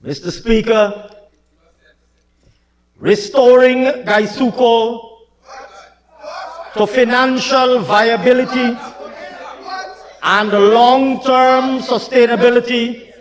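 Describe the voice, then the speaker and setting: A man speaking in a notably high voice gives a slow, deliberate parliamentary speech. He declaims, repeats lines for emphasis and often raises his voice to a shout. The sound carries a long echo from the chamber. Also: fairly even intonation. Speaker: government minister addressing parliament.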